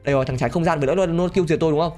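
A man giving excitable gameplay commentary, laughing often and talking straight to his viewers. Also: on the high side, rapid-fire, soft background music. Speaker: gaming channel host.

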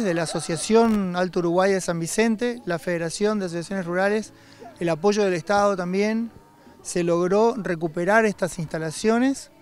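A middle-aged man giving interview remarks as a livestock producers' representative, recorded outdoors on a handheld microphone. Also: high voice. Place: outdoors by cattle pens. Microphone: handheld reporter microphone.

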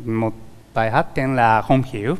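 A man from Japan with a Japanese accent, speaking halting, broken Vietnamese as a dating show contestant, slow and searching for words. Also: medium pitch, fairly even intonation, long reverb tail, a little hiss or hum.

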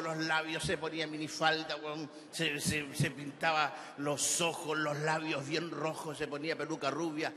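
A man's voice: fairly high pitch, bright, forceful tone, slight background noise. A man with a Chilean accent telling crude, rambling jokes full of slang in a stand-up set on a big festival stage. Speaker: stand-up comedian. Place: large festival amphitheater stage. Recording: reverberant live venue with crowd ambience.

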